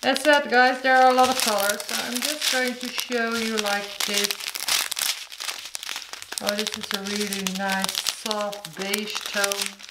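A woman's voice: mid-range voice, level tone, measured pace, roomy sound, heavy background noise. A woman chatting casually to her viewers as she unboxes and shows off a craft kit, describing each item and calling her audience "guys". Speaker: crafting vlogger.

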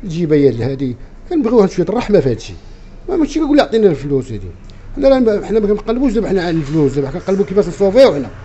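Man, Moroccan Casablanca accent, high voice, soft-edged tone, emphatic aggrieved complaint, repetitive, handheld mic in a café. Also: very animated, racing. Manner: emphatic, aggrieved, repeats himself. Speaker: café owner being interviewed. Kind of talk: street interview, spontaneous complaint. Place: inside a small café, behind the counter. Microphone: handheld reporter microphone. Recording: muffled sound with faint background noise.

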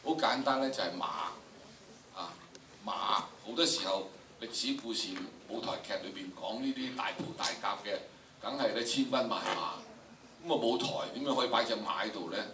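An older man, about in his 70s, with a Hong Kong Cantonese accent lectures students as a drama teacher, delivering theatrically and emphatically with repeated phrases. His voice is fairly low, pushed, and bright, at a moderate pace. The recording is distant, noisy, and echoey, made in a large indoor lecture room with an audience.

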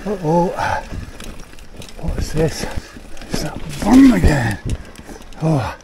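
A man's voice: on the high side, sing-song, slow pace, background noise. A man vlogging a mountain bike ride outdoors on hill trails, chatting and exclaiming at the trail as he rides. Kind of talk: casual narration while riding.

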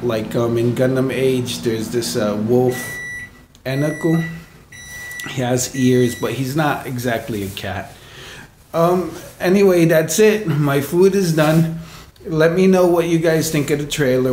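Slow, rambling man in an echoey room. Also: mid-range voice. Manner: chatty and rambling, with many fillers and soft chuckles. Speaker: vlogger. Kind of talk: casual vlog chat. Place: small indoor room with hard walls. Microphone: phone camera held at arm's length. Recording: echoey small room, noisy background.

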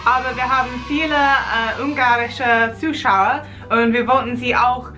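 A woman's voice: a little high, steady tone, measured pace, music in the background. A young woman from England with an English accent, chatting playfully as a German learner. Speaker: co-host. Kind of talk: casual chat while learning German. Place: hotel bedroom, indoors.

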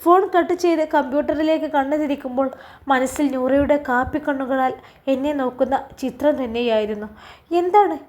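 A woman from Kerala narrating an emotional story in a soft, earnest manner. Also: sits high, fairly quick.

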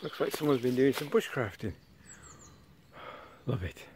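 Middle-aged vlogger, mid-pitched, chatty and keen, narrating a walk in the woods over faint birdsong and open-air ambience. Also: male voice, expressive, a little slow, noisy background. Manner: enthusiastic, rambling, points things out on a walk. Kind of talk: casual outdoor narration. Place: forest, outdoors. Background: birdsong and forest ambience.

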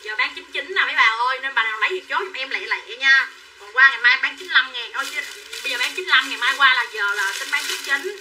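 A woman's voice: sits high, expressive, rapid-fire, few pauses, sharp tone. A woman running a live sales stream, chattily calling out prices and buyer names and coaxing viewers to buy. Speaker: livestream clothing seller. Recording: distant mic with faint background noise.

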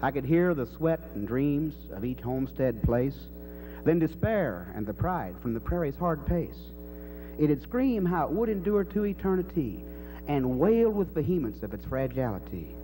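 A man's voice: on the high side, big pitch swings, normal speed, mellow, faint music behind, poor audio. A middle-aged man with a folksy cowboy drawl, reciting cowboy poetry live into a stage microphone. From Kansas. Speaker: cowboy poet. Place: dark indoor stage. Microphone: stage microphone on a stand. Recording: faint noise and hum.

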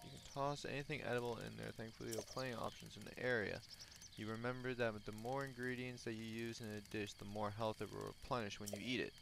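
A man reading a lonely old hermit's lines in a slow, earnest, theatrical voice. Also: on the low side, level tone, creaky, loud music behind the voice. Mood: wistful. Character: lonely old male hermit, gentle and wistful. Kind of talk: reading game dialogue in a put-on voice.

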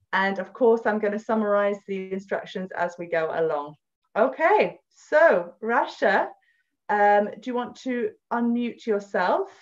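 A woman hosting an online cooking class, upbeat and encouraging as she steers the call and hands over to the guest cook. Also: medium pitch. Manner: upbeat, encouraging, quick asides. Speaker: host of an online cookalong. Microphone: laptop video call. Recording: dull, muffled video call audio.

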